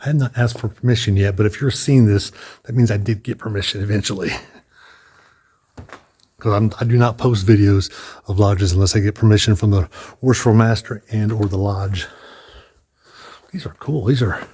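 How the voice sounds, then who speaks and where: A man's voice: on the low side, moderate pace, long pauses, a little mellow, breathy edge. A man casually narrating a walking tour of a building, chatty and thinking aloud with restarts, a bit out of breath. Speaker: vlogger touring a building. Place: indoor hallways and large rooms.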